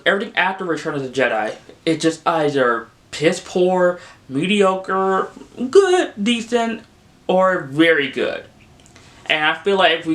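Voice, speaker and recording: Young male film vlogger, casual and exasperated, loose rambling delivery with lots of fillers, mid-pitched voice. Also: a bit bright. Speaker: film reviewer. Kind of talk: casual spoken movie review.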